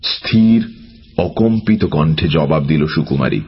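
A man narrating a story with an expressive, varied delivery. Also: a bass voice, a little slow, breathy edge. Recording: dull lo-fi audio with music.

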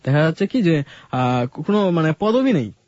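Halting man with fillers. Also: a little high, very animated, a little mellow, no room sound. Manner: halting, with many fillers and restarts. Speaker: guest telling his life story. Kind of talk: casual radio conversation. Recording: dull lo-fi radio studio sound.

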